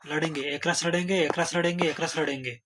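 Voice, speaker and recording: A man's voice: fairly high pitch, steady tone, quick pace, lightly acted. A man briefly voicing a proud, quarrelsome king who boasts of his empire, over a noisy recording. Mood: boastful.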